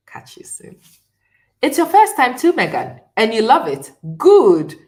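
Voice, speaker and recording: A middle-aged woman from Ghana hosts a relaxed live stream and talks straight to her viewers. Her voice sits low, and she speaks slowly and chattily, often breaking into laughter. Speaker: host.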